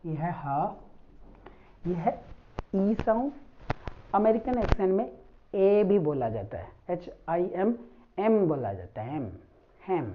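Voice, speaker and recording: Lady teacher going through letter sounds real slow, kinda muffled audio. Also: lowish voice, a little hiss or hum. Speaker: English teacher. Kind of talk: phonics lesson. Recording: dull lo-fi recording.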